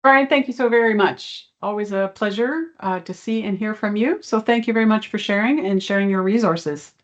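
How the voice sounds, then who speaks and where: A woman's voice: mid-range voice, normal speed. A woman moderating an online session, introducing the next speaker politely, her voice muffled as if heard through a wall. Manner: polite, appreciative. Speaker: event moderator. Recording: dull lo-fi sound from far off the mic.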